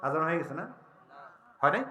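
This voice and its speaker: A man preaching a sermon, calling out questions to his listeners and swinging from low talk to shouted, chanted lines. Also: expressive, a little fast, roomy sound, soft background music. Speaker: Islamic preacher. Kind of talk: Bengali waz sermon.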